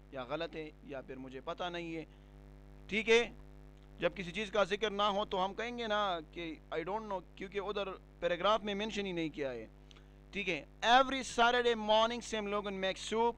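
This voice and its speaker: A man teaching a beginner English lesson, explaining in Urdu and repeating words and phrases slowly for learners. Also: sits high, a bit bright, slight background noise.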